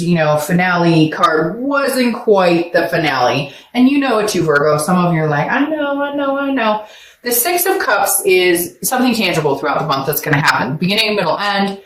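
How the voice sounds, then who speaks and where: A woman's voice: lowish voice, echoey room, slight background noise, low-quality recording. A woman giving a casual tarot reading, talking animatedly and acting out voices in quotes, with a sore throat. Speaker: tarot reader.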